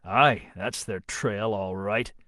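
A man's voice: on the low side, slow pace, bright, forceful tone, no room sound, studio quality, pitched below the performer's own voice. A man voicing a vengeful sword-bearing warrior who speaks in grim, snarling threats.

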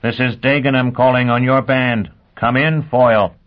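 A man's voice: mid-range voice, fairly even intonation, unhurried, highs cut off, pitched above the performer's own voice, close to an everyday voice. A man voicing a controlled, menacing commander calling over the radio. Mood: commanding.

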